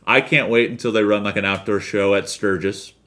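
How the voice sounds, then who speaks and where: A man co-hosting a podcast, chatting casually about pro wrestling in an animated, rambling way with the odd swear. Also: lowish voice, brisk. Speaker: podcast co-host.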